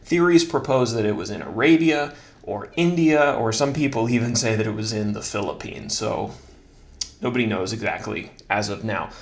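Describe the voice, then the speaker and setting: A man giving a casual Bible study lesson in a relaxed, self-deprecating way, joking about his own slips. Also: fairly low pitch, normal speed. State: slightly out of breath.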